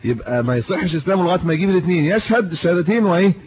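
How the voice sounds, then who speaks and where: A man's voice: high voice, expressive, racing. A man with an Egyptian Arabic accent giving a religious lesson, reading classical texts and explaining them in everyday speech with rhetorical questions. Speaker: religious teacher. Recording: muffled lo-fi audio with faint hiss.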